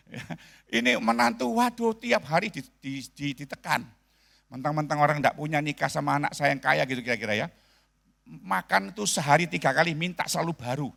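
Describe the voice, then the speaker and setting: A man's voice: a little high, vocal fry. A man pastor preaching a sermon, telling a story with jokes and often addressing the congregation directly. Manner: animated, joking, addressing the congregation. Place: church.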